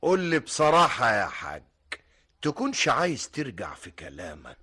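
A man's voice: mid-range voice, wildly swooping pitch, normal speed, pushed and bright, husky, heavily acted. An actor with an Egyptian accent playing a wary village man in a radio drama, placating and evasive, then probing bluntly. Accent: Egyptian Arabic.

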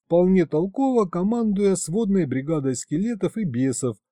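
Lively mellow male audiobook narrator. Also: on the high side, dry recording, studio quality. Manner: lively, expressive. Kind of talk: scripted narration.

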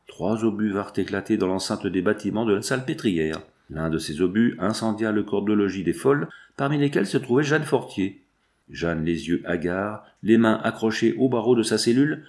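A man narrates a classic novel as an audiobook in a steady storytelling manner. His voice sits low and has a gravelly edge. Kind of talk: reading a classic novel aloud.

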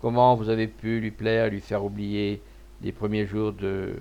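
A man voicing a desperate, tearful young wife in a storybook reading, with a pleading, broken delivery and a gravelly voice. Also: fairly low pitch, completely flat delivery, normal speed, darkish tone, muffled recording.

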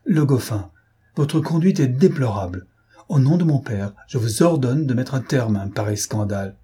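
A man voicing an earnest young woman, gentle but firm. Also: medium pitch, moderate pace, husky. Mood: indignant.

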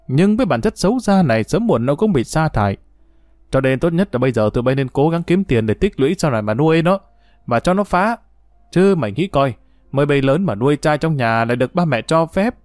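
A man's voice: on the high side, animated, a little fast, a little mellow, no room sound, clean studio sound, close to an everyday voice. A man voicing a bitter, scornful older brother in a read-aloud story, scolding harshly.

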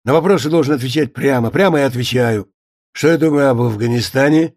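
A man's voice: mid-range voice, brisk, darkish tone, dry recording, studio quality, natural voice. Man voicing a blustering Soviet bigwig. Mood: lecturing. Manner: scornful, hectoring tirade. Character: pompous older male Soviet official, boozy, blustering.

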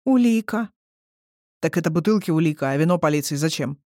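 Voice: mid-range voice, animated, brisk, warm tone, no room sound, studio quality, close to an everyday voice. A reader voicing a timid, sleepy young female cat creature with a meek, slightly nasal manner. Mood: worried. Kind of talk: audiobook character reading.

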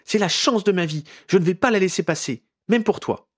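A man's voice: sits high, brisk, voice pushed up. A man voicing a fiery, defiant young witch in a raised, passionate, insistent voice.

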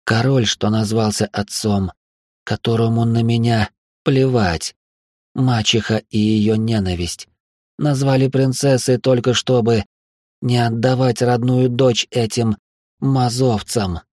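A male narrator voices a wounded young princess, speaking slowly and weakly in a soft, dry voice. She sounds worn out and hopeless. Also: medium pitch, fairly even intonation, no room sound. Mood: weary. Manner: slow, faint and weary.

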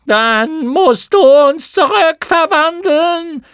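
A man voicing a swarm of clownish moth creatures in an audiobook, with a shrill, screeching, mocking manner. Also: expressive, slow pace, bright, forceful tone, no echo, clean studio sound, heavily acted. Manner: mocking, rowdy chorus. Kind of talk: audiobook character voice.

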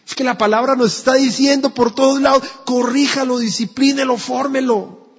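A man's voice: very high-pitched, fairly even intonation, normal speed, breathy edge. A man preaching an emphatic sermon in church, telling a story along the way. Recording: dull echoey church recording.

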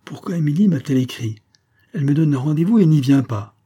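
Un homme jouant un jeune lieutenant fier et guindé. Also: male voice, on the high side, lively intonation, fast, warm tone, slightly rough, voice pushed up. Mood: puzzled. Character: young army lieutenant, proud and touchy.

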